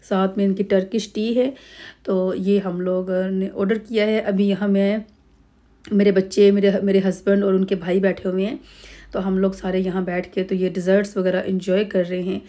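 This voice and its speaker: A middle-aged woman from Pakistan, narrating a family holiday vlog over clips in a relaxed, rambling way with many pauses and fillers. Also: medium pitch. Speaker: vlogger.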